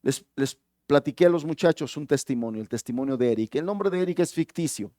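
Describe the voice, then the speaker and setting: A man's voice: fairly high pitch, expressive, brisk, mellow, no room sound, clean studio sound. A male pastor with a Mexican Spanish accent preaching a sermon in a conversational, storytelling way. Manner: conversational storytelling, many restarts.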